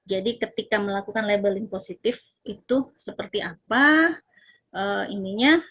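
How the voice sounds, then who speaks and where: A woman's voice: mid-range voice, expressive, moderate pace, husky, dull audio. A woman speaker explaining parenting in an online seminar, asking her audience questions as she goes.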